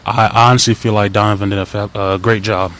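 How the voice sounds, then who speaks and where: A young man in his twenties, a college football player answering media questions in a halting, soft-spoken way with many fillers. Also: lowish voice, level tone, slight background noise. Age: 20s. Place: press availability.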